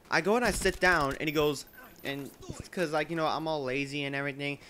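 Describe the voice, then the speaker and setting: A teenage boy rambles through a story over gameplay, his voice sitting a little high. He leans on filler words and restarts as he talks casually. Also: fairly bright tone, a little hiss or hum. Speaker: gameplay commentator.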